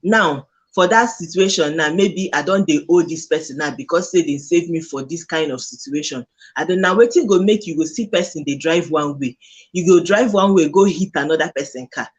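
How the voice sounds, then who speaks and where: Husky Nigerian man, fairly high voice, speaking Pidgin. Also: moderate pace, muffled recording. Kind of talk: casual discussion in Nigerian Pidgin.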